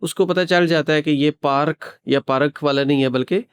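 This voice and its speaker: A man's voice: fairly high pitch, moderate pace, smooth. A man from Pakistan with a Pakistani accent, an IELTS teacher explaining patiently in an interview and repeating phrases for emphasis. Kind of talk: interview answers, mixing English phrases.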